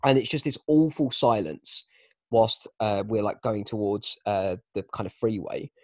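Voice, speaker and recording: A young man telling a casual, self-mocking anecdote with animated delivery. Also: on the low side, unhurried, no room sound. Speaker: storyteller.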